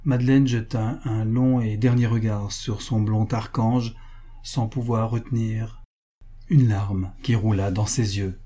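A man narrating a classic novel in a measured, expressive audiobook reading. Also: on the low side.

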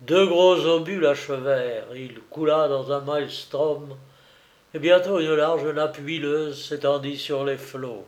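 A male narrator reads an adventure story with slow, deliberate pacing. His voice sits a little high for a man. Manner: slow, measured reading. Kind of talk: audiobook narration of an adventure novel.

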